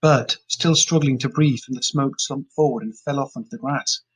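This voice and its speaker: A man narrating a story in a steady, plain way. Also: medium pitch, normal speed, husky, low-quality recording. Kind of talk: storybook reading.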